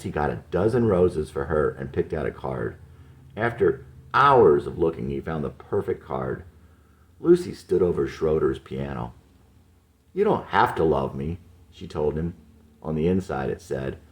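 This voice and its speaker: A man narrating an audiobook novel with an expressive, varied delivery. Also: a bass voice, vocal fry.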